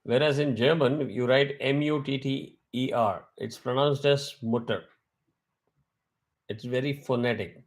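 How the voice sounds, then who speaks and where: A man's voice: mid-range voice, steady tone, measured pace. A man teaching a weekly Vedic class over a video call. He explains step by step and asks his students questions.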